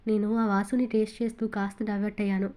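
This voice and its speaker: A woman's voice: mid-range voice, level tone, warm tone, close to an everyday voice. A woman voicing a frightened young man who hurriedly explains and apologizes. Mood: anxious. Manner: hurried, defensive pleading.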